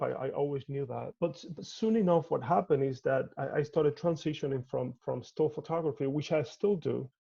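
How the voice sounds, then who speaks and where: A man's voice: a little high, vocal fry, warm tone, dull audio. A man from Cuba, an artist talking thoughtfully in a video call interview from home, often restarting his sentences. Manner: measured, thoughtful, with frequent restarts.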